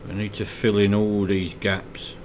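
Sitting at his hobby desk, a man from Scotland who has a slight cold walks through how to paint miniatures in a casual way. He speaks a little slowly in a lowish voice, and there's a faint hiss or hum. His manner is relaxed and hesitant, full of ums and uhs.

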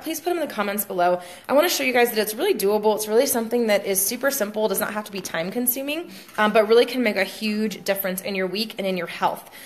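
A young adult woman with a medium-pitched voice, a fitness coach, chats to her viewers from a home kitchen, calling them "guys." It's a casual vlog tutorial full of ums and fillers, filmed on a phone held at arm's length.

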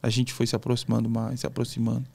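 A man's voice: mid-range voice, completely flat delivery, fast talker, creaky, darkish tone, slightly rough. A Brazilian man, a pastor guest on a podcast, telling a personal testimony in a casual, emotional, storytelling way with colloquial asides. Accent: Brazilian Portuguese.

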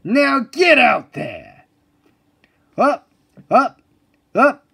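A man voicing a stern, blustering drill-sergeant driving instructor in a commanding, military cartoon style, gravelly and husky. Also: high voice, very animated, unhurried, pushed and bright, exaggerated voice. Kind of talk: cartoon voice acting.

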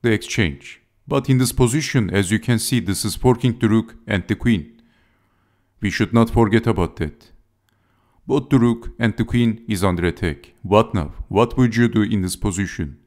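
A man with a fairly low voice commentates a chess game. He delivers it as scripted narration, in short, clipped phrases that follow the play move by move. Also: moderate pace, a little mellow.

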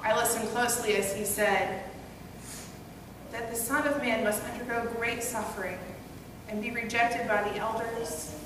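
Taking on the role of Peter, a young woman pastor preaches a first-person story sermon from the pulpit, earnest and conversational. She speaks at a moderate pace, her voice on the high side with fairly even intonation. The echoey hall, gooseneck pulpit mic, and distant camera leave the recording far-off and noisy.

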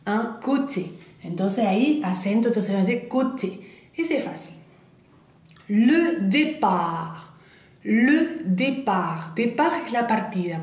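A woman's voice: medium pitch, darkish tone. French woman teaching, echoey room. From France. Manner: patient, explains step by step, draws out model words slowly. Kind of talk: pronunciation lesson.

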